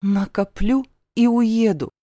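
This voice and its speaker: A woman's voice: on the high side, takes it slowly, warm tone, dry recording, clean studio sound, voice pushed up. A woman reading the lines of a young heroine who snaps back and demands her things, her voice trembling. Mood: defiant. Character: defiant young woman dancer, cornered.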